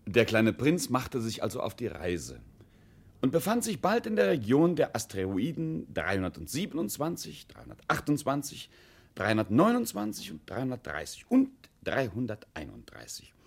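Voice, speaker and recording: A man narrating a scripted children's story in a gravelly, husky voice. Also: mid-range voice, wildly swooping pitch, normal speed.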